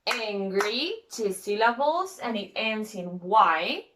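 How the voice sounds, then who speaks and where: A woman's voice: fairly high pitch, animated, slow, background noise. A woman teaching an English grammar lesson, spelling out letters one at a time and checking in with "okay?" after nearly every phrase.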